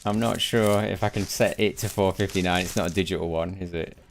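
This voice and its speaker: Worn out from a night without sleep, a very deep-voiced man chats casually while streaming a game, his voice creaky and lower than normal. He talks fairly quickly with fairly even intonation, musing aloud and repeating words as he restarts, over slight background noise.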